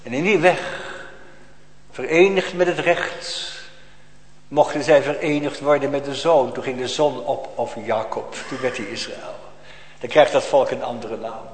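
A man's voice: medium pitch, a little slow. A male pastor delivering a sermon in an emphatic, admonishing way, with pointed rhetorical questions to his congregation. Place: church. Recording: echoey church hall, long reverb.

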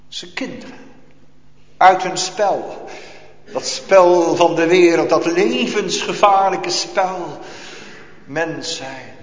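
Male pastor, high voice, unhurried emphatic sermon, church hall echo. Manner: slow, emphatic preaching with rising, swelling calls. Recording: echoey church hall, dull sound.

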